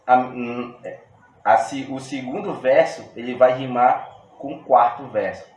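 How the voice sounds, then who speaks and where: A man with a Brazilian Portuguese accent teaching a poetry workshop lesson in a relaxed, slangy way, explaining step by step with frequent restarts. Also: medium pitch, unhurried. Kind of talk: casual video lesson. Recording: roomy echo with faint room noise.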